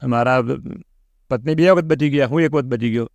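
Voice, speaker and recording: A middle-aged man, an interview guest, telling a personal pilgrimage story in an animated way and acting out the lines he quotes. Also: mid-range voice, a little fast, no echo, muffled recording. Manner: animated, acts out quoted speech.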